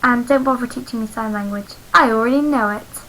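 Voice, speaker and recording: A woman playing a loud, bubbly teenage schoolgirl. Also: fairly high pitch, measured pace, rough recording. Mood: cheerful. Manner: loud, excited outbursts.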